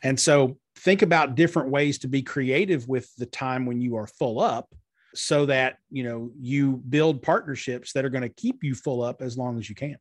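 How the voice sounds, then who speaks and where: Man, husky voice, dry close sound, earnest interview guest. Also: medium pitch, normal speed, no room sound. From eastern Kentucky, USA. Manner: earnest, explanatory, with frequent fillers. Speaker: guest, marketing strategist. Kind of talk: conversational interview.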